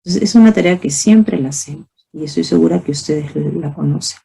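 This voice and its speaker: A woman teacher lectures fellow teachers on early reading in this recording, using spoken examples and rhetorical questions and often asking "¿no?" to check understanding. Her voice is low, fairly quick, gravelly and husky with a dark tone.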